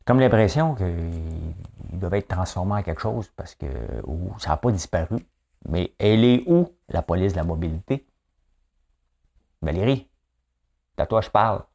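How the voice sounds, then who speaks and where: A man's voice: low voice, lively intonation, moderate pace, dark tone. A man with a Québécois accent giving casual morning news commentary, chatty and full of asides and tag questions.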